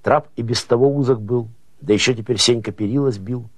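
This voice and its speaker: Husky man reading an audiobook. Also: mid-range voice, brisk, dry recording. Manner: expressive storytelling with folksy rhythm. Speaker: narrator.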